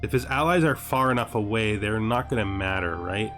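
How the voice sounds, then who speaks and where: Talking fairly quickly in a lowish, sharp, animated voice, a gaming series host gives relaxed video game commentary against background music. He thinks out loud, asks rhetorical questions, makes exasperated side comments and sometimes reads game text aloud.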